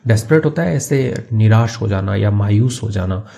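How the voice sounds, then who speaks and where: A man teaching through a story, reading phrases slowly and then explaining them quickly and casually in Hindi. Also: on the low side, expressive, creaky, mellow. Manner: casual, with fillers like "theek hai". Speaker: English teacher.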